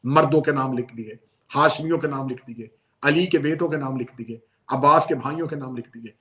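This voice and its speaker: A man delivering an emotional religious sermon, narrating the story with tearful, dramatic recitation and sudden drops to a hushed voice. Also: medium pitch, brisk, reverberant. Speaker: Shia cleric.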